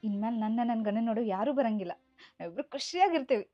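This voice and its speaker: A woman playing a young wife in a rural family drama, speaking softly and pleadingly. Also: a little high, animated, fast talker. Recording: slightly dull sound with violin music.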